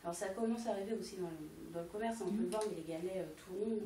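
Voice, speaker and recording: A woman's voice: fairly low pitch, fast talker, mellow. A woman selling candles to guests at a home party, explaining each product step by step with frequent hesitations. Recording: echoey room, distant mic, faint noise.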